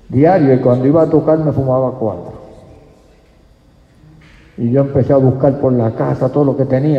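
Gravelly man preaching in an echoey hall. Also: medium pitch. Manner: storytelling, often drops to a hushed prayerful voice. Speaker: preacher giving a testimony. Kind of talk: testimony sermon. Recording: echoey hall, dull lo-fi sound.

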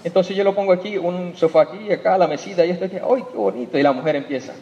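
A man preaches with a high, ringing voice, leaning on "hermano" and acting out small stories to make his point. His voice trails off into the long reverb of a church hall, heard through a dull, muffled recording. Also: very fast, dark tone, a little hiss or hum. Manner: calls listeners "hermano" over and over, tells everyday stories with acted voices. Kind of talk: sermon.

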